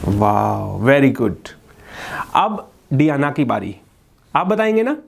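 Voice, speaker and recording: A man's voice: medium pitch, very animated, slow, vocal fry. A male local news reporter marvelling aloud as he quizzes children and talks to their mother. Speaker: news reporter interviewing a family.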